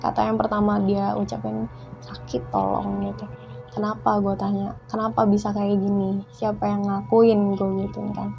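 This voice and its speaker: A young woman, a guest in casual conversation who tells her story lively and acts out the dialogue. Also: mid-range voice, normal speed, creaky, hardly any pauses, lo-fi sound, faint music behind.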